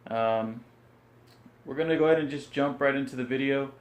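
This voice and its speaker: A man's voice: mid-range voice, brisk. A man hosting a reaction video, subdued and hesitant, with many ums. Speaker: reaction channel host. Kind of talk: casual reaction video intro. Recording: echoey room.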